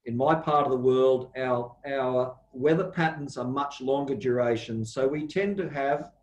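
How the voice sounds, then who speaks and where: A man with an Australian accent giving a slow, measured guest lecture over a video call, pausing often with ums. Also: medium pitch, roomy sound, slight background noise, rough recording. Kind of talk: online academic lecture.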